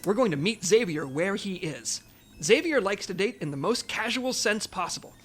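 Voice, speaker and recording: A woman with a mid-range, expressive voice speaks at a normal pace, sounding natural over a slight hiss or hum. In a comedy audio drama she plays an intelligence section chief giving a briefing, businesslike and patient, authoritative yet diplomatic.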